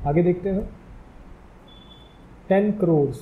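A man's voice: high-pitched, takes it slowly, phone-quality sound. A man teaching a spoken English lesson, spelling words out letter by letter in a careful, explaining manner.

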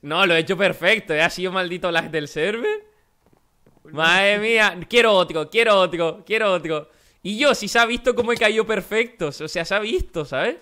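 A young man from chatting excitedly and joking while playing Minecraft with a friend. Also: high-pitched, moderate pace, clear, resonant tone. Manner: excitable, joking, shouts during jumps. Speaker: gaming channel host. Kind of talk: excited Minecraft let's play chat.

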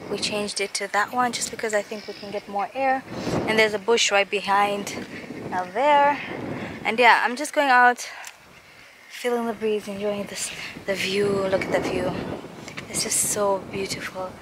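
A woman's voice: medium pitch, fairly even intonation, measured pace. A young woman chatting enthusiastically to her viewers in a casual travel vlog, filming herself at arm's length outdoors in the wind. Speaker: vlogger. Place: outdoors on windy safari grounds. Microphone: handheld camera at arm's length.

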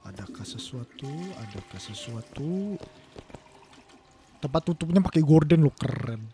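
A man's voice: medium pitch, lively intonation, a little slow, music in the background. A young man from Indonesia giving joking game commentary, playful and teasing, laughing often. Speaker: gaming YouTuber.

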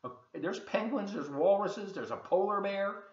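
Reading a storybook aloud for children at a moderate pace, an expressive volunteer in his 70s swings his pitch animatedly and pauses for asides describing the pictures. He's in a big open-plan kitchen and living room indoors, captured by a webcam that sounds a bit dull in the echoey room.

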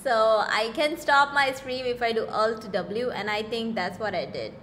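Woman streamer, bright tense voice, unhurried, giggly and chatty with viewers. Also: fairly high pitch, a little hiss or hum. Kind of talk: casual live-stream gaming chat.

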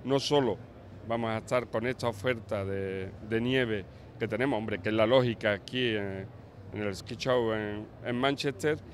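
A man's voice: lowish voice, moderate pace, slight background noise. Hesitant man at a trade fair. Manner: hesitant, restarts often, fillers like "bueno, pues". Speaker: regional tourism official. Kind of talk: press interview. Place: busy indoor trade fair stand. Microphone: handheld press mics held close.

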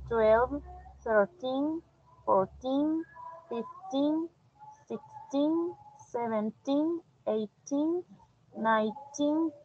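A woman's voice: high voice, extremely slow, long pauses, highs cut off. A woman student in an online class, reciting numbers one by one.

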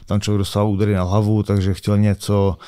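A man with a low voice answers interview questions in a loose, halting way, repeating words and padding with fillers. The sound is close and dry, with no room around it. He is from Czechia. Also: monotone, warm tone, smooth, no echo. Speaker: MMA fighter, guest.

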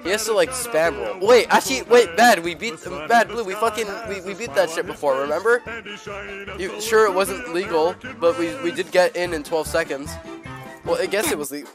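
A young man who is sick, streaming a game, swearing a lot and breaking into excited shouts. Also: high-pitched, normal speed. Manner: profane, swings into excited shouting. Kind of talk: gaming livestream commentary. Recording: game music playing loudly behind. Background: game music.

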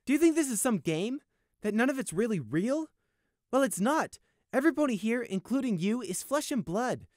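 A man voicing a brash, righteous male unicorn guard in an audiobook, cocky and quick to indignation. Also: sits high, animated, dry recording, clean studio sound, pitched above the performer's own voice. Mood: outraged.

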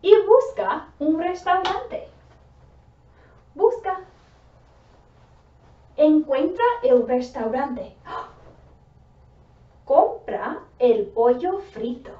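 Woman language teacher, high voice with a lively melody, slow theatrical commands, distant echoey recording. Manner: slow, deliberate, theatrical, with gasps and whispered asides. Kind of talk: slow spoken commands for a vocabulary lesson. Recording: roomy, distant, dull sound.

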